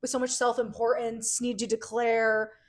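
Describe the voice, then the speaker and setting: A woman's voice: a little high, little pitch movement, normal speed. A woman co-hosting a podcast in casual chat, with a wry, playfully opinionated manner. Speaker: podcast co-host.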